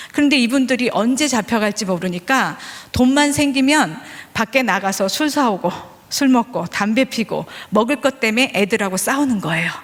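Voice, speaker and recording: A woman in her forties delivers a sermon, her voice fairly high and bright. She tells her stories with humor and draws the congregation in with quick questions. Everything rings out in a large hall with long reverb. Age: 40s. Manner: lively, joking with the congregation. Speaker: preacher, vice principal.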